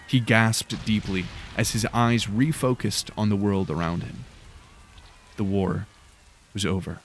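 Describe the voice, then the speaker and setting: A man with a fairly low voice narrates a dark fantasy story in a measured, grave manner. His reading is scripted and steady, and he lets the descriptions settle as he goes. It sounds like a polished audiobook performance. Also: a little hiss or hum.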